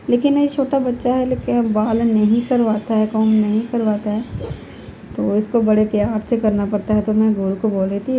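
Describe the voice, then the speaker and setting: A young woman vlogging at home, talking quietly so her sleeping children stay asleep, scolding and repeating herself. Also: a little high, a little hiss or hum, rough recording. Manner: speaks softly while children sleep. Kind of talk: casual vlog talk to camera.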